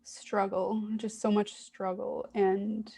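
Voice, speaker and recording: Woman, unhurried and soft, a bit of vocal fry; gentle self-reflection demo, halting pauses. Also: medium pitch, level tone. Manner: gentle, soothing, hesitant with pauses. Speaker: IFS parts work demonstrator. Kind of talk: reflective self-guided therapy demonstration.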